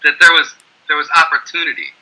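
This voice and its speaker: A man's voice: on the high side, fast talker, pushed and bright, poor audio. A man speaking emphatically in an online panel discussion, brushing off opposing claims.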